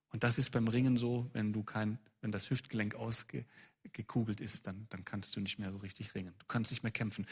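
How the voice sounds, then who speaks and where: A man's voice: on the low side, slightly rough. A man preaching a sermon who presses his listeners with a long run of urgent rhetorical questions.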